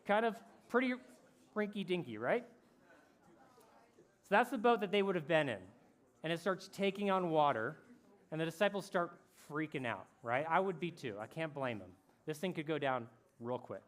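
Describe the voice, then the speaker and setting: A man speaking as a camp speaker, telling a story in a casual, slangy way that swings between loud bursts and hushed moments. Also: fairly high pitch, lively intonation, moderate pace. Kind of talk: youth camp talk.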